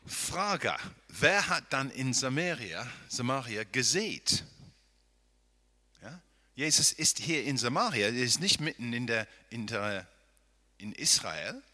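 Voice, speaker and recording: A man's voice: medium pitch, very animated, slow pace, sharp tone. A man preaching a Bible-teaching sermon, often asking the listeners rhetorical questions and checking in with "ja?" as he thinks aloud. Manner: thinks aloud, with restarts and hedging.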